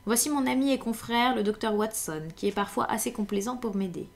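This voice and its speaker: A woman reading aloud in French, voicing a sharp, confident male detective with dry irony in her plain own voice. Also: on the high side, brisk, creaky. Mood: assured. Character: sharp, self-assured male detective, middle-aged.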